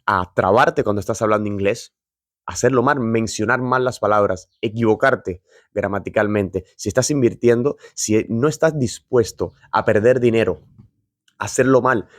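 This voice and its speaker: Addressing the viewer directly, a man gives an earnest, encouraging reflection and confesses that speaking on video makes him nervous. He's a motivational host with a medium-pitched voice, captured in clean studio sound with no room noise.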